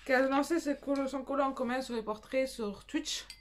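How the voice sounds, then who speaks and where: A woman's voice: sits high, brisk. A young woman hosting a coloring channel, chatting casually at home, rambling with many fillers and restarts. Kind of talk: casual chat, showing coloring purchases.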